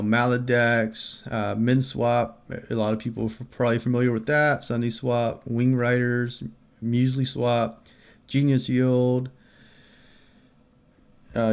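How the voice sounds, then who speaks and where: Male creator, mid-pitched, casual tutorial read with loose fillers and restarts, close mic. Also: a little mellow. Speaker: crypto video creator. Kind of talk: casual explainer walkthrough.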